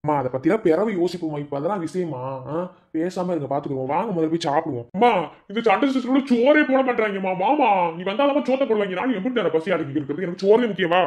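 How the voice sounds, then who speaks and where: A man's voice: on the high side, lively intonation, darkish tone, lightly acted. A man voicing a grown village son in a cartoon, coaxing his mother in a Madurai Tamil accent. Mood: impatient. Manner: brisk, coaxing.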